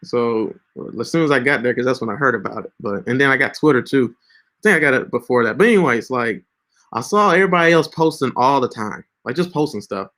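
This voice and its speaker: Brisk and lively in intonation, a man in his late twenties dispenses preachy, laid-back social media tips, constantly restarting and padding with fillers. His mid-range voice is a bit bright, recorded through a screen-share setup.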